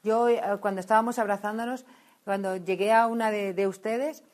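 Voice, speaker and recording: A woman with a Spain Spanish accent delivering a sermon. Her voice sits at a middle pitch, and she tells her story in an animated way, often restarting her sentences. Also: brisk. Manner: animated, storytelling, self-interrupting. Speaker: women's ministry speaker.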